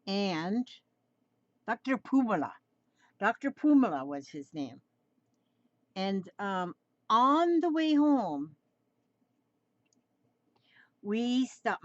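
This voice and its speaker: Seventies woman, drawing tutorial host, rambling coaxing chat, unhurried, dry close recording. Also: on the low side, no room sound, lo-fi sound. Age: 70s. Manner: rambling, repeats phrases, gently coaxing. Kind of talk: relaxed chatty drawing tutorial.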